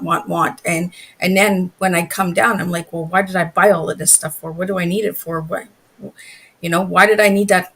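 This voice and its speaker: A woman from northern Ontario speaks as a guest in a relaxed interview. Her voice sits a little low and has a husky edge, and she talks candidly and openly about herself. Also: rough recording. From northern Ontario, Canada. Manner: candid, open and emotional. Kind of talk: casual interview talk.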